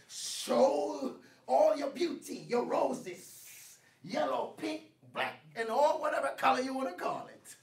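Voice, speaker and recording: Woman preacher going back and forth w the church, high voice swinging all over, slow and drawn out, far off mic in a big echoey room. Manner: call-and-response preaching, rising to shouts. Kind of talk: sermon. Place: church sanctuary. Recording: echoey live church stream, distant mic.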